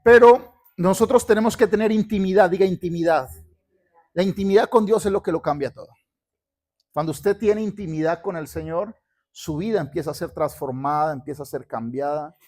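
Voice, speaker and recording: In the sanctuary, a man from Colombia delivers a sermon with announcements, preaching with fervor and having the congregation echo his words. He speaks at a normal speed in a high, darkish voice.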